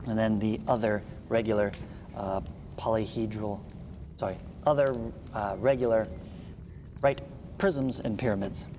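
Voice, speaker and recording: In an echoey room with clearly audible background noise, a math teacher leads a read-along lesson, stopping to give informal, folksy explanations. His voice is on the low side and darkish, fairly even in intonation, unhurried, with long pauses.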